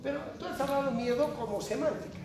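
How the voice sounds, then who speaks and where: A man giving an animated university lecture, joking and asking the class questions. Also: very high voice, fast. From Bolivia. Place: large echoey classroom. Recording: echoey classroom from far off, noisy.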